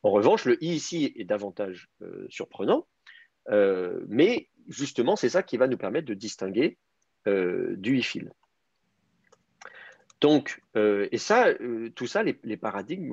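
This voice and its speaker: A man leads an online grammar lesson, his pitch moving a lot as he works through each point out loud. The voice is a bit husky and comes across dry, as if over a computer microphone. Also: dry recording, lo-fi sound. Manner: explains step by step, thinking aloud with many "euh". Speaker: teacher. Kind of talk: online Hebrew grammar class.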